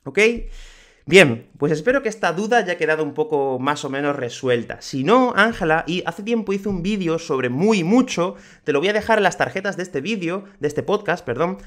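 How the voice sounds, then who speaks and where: A man from hosts a grammar lesson for learners, his voice sitting a little high and swinging widely in pitch. He slows right down for each example sentence and leans hard on the words that matter. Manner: slow, clear delivery of examples with lively emphasis. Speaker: Spanish teacher and podcast host. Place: home, moving to his terrace.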